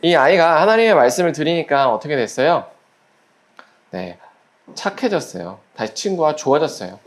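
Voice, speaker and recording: A pastor giving a children's sermon at a church service, gently asking the children quiz questions and acting out little voices in the story. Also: medium pitch, very animated, moderate pace. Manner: acts out little quoted voices while storytelling.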